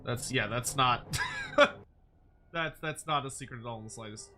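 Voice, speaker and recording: A man's voice: medium pitch, measured pace, sharp tone. A man giving casual, playful game commentary with wry asides, as a streamer talking to viewers. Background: music behind the voice.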